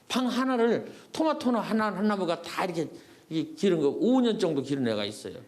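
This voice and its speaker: An older South Korean poet gives a folksy public lecture to older adults, posing questions to the audience and answering them himself. His voice is high-pitched and sing-song with a darkish tone, and he speaks briskly, repeating words for emphasis.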